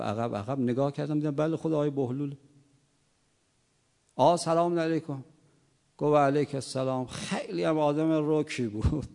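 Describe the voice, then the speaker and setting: A man's voice: medium pitch, creaky, dark tone, long reverb tail. A man preaching a sermon, telling a story and acting out the quoted dialogue.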